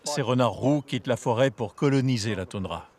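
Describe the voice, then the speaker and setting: Guy researcher explaining stuff for a nature documentary, measured n articulate, mid pitched voice. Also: a little mellow. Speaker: wildlife researcher.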